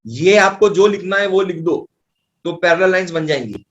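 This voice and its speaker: A man with an Indian accent tutoring maths, his voice pitched a little high. He works through each step out loud as he writes. He keeps reassuring the student that it is all simple. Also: expressive, moderate pace, highs cut off. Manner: breezy, reassuring, thinks aloud while writing. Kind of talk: explaining maths problems.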